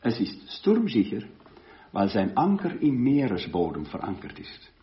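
Guy preaching, lively up and down voice, dull lo-fi sound. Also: on the low side. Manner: slow, emphatic, swelling to loud stresses. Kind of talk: sermon. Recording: dull lo-fi recording.

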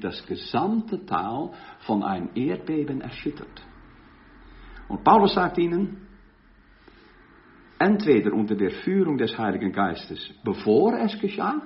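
Guy preaching, lively up and down voice, dull lo-fi sound. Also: medium pitch. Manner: slow, emphatic, swelling to loud stresses. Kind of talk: sermon. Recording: dull lo-fi recording.

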